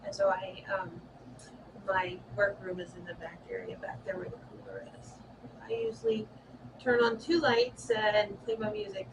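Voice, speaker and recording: A woman's voice: mid-range voice, moderate pace. A woman who works as a florist, casually telling ghost stories about the house she works in, with laughter between stories. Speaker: shop owner and florist. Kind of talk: casual storytelling to ghost hunters. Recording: distant mic with loud background noise.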